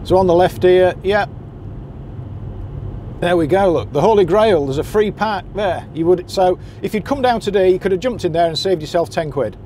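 Here the voice sits high and dark-toned, expressive and delivered at a moderate pace. The man is a boat skipper's guide, driving along and chattily telling anglers practical directions. Behind his casual commentary there's road and car noise.

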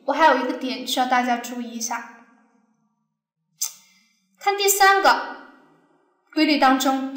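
Female teacher, high voice, patient step-by-step lesson delivery with questions to the class; echoey room. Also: fairly bright tone. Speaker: Arabic teacher. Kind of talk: recorded language lesson.

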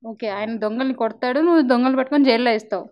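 A high-pitched young woman works as an anchor, chatting with children in a light, teasing way. She talks a lot and keeps asking them questions. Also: rapid-fire, dull audio. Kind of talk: playful interview with children.

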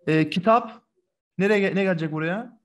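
A man's voice: high-pitched, fairly quick. A male teacher giving a remote German lesson over a video call, patiently drilling vocabulary and praising his students' answers.

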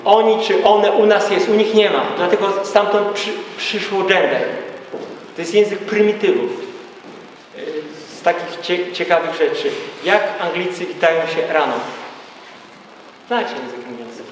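A man's voice: high-pitched, normal speed, a little hiss or hum. A man lecturing to a live audience in an emphatic way, throwing out rhetorical questions. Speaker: speaker at a gathering. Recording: echoey hall from far off.

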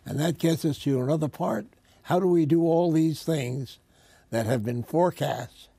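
Hoarse older man hosting. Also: a little high, normal speed, warm tone, no echo. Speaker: host. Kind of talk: TV interview.

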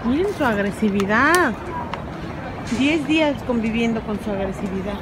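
A woman's voice: on the high side, animated, normal speed, heavy background noise. A woman, chatty and teasing, filming on a handheld phone. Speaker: vlogger. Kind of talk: casual travel vlog. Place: cafe, airport and airplane cabin. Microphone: handheld phone camera. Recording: loud music and crowd behind.

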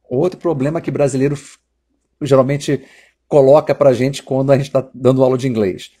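A Brazilian man with a Brazilian Portuguese accent, teaching English grammar from film clips, who repeats the English phrases slowly and deliberately. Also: mid-range voice, warm tone, breathy edge.

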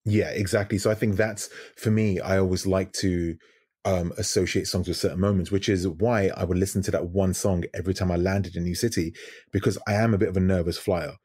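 A man's voice: low voice, steady tone, a little fast, a little mellow, slightly rough, dry recording, studio quality. A man in his thirties, a guest DJ, talking in a casual podcast interview over a video call, reflective and searching for words. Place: home room with lit wall.

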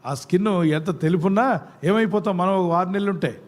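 A man's voice: high voice, fairly quick, darkish tone. A man preaching a sermon to a congregation, asking questions and urging them to answer aloud. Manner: call-and-response, quizzing the congregation. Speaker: pastor. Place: church service before a congregation.

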